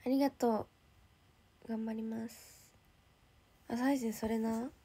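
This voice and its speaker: A young woman idol on a casual livestream, chatty and bubbly, reading out viewer comments and often dropping to a soft whisper. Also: on the high side, little pitch movement, a little slow, slightly rough. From Japan. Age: young adult.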